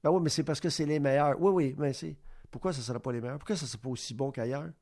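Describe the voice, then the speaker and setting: Man, Quebec French accent, radio host, gravelly voice, rambling monologue, rhetorical questions. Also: a little high, racing, a little mellow. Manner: rambling, asks rhetorical questions, acts out little exchanges. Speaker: radio sports show host. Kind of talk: opinion monologue.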